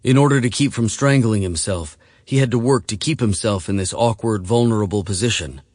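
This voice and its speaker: Low-voiced male audiobook narrator. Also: a little fast, darkish tone, dry recording, studio quality. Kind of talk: scripted narration.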